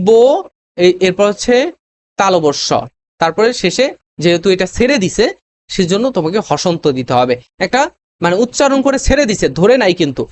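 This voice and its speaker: A tutor giving a recorded lesson, explaining step by step with many pauses, fillers and quick self-corrections, often checking that the students follow. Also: mid-range voice, slight background noise. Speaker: admission test tutor.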